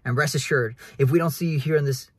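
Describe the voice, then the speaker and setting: Filming himself from inside a car with his phone at arm's length, a young realtor vlogger gives an earnest, preachy faith talk, saying "guys" again and again. His voice is on the high side, husky and steady at a quick pace, with no room sound.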